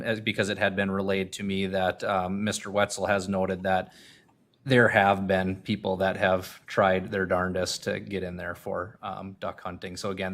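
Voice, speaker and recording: A man presenting a formal staff report at a public meeting in a measured, procedural way with hesitant phrasing. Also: low-pitched, fairly bright tone.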